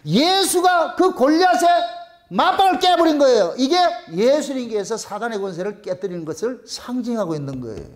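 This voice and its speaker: A man preaching a sermon, retelling the story in a colloquial, animated way and voicing the characters. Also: extremely high pitch, normal speed. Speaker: pastor.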